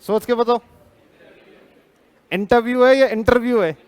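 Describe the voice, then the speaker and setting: A man's voice: high voice, moderate pace. An Indian man teaching a live class, drilling students with repeated questions, firm and teasing.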